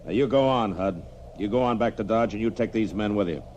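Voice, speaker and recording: An actor playing a grave, authoritative frontier marshal with an American accent in an old-time radio western. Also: male voice, fairly low pitch, fairly quick, darkish tone, lightly acted. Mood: commanding. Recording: noisy old radio drama recording.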